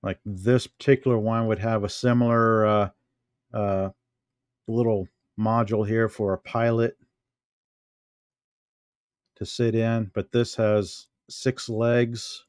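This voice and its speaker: A man's voice: fairly low pitch, flat delivery, a little mellow, smooth, dry recording, studio quality. A middle-aged American man musing to himself as he shows things in a casual vlog at home. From United States. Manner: unhurried, musing, talks to himself while handling objects. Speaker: vlogger. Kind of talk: casual show-and-tell vlog.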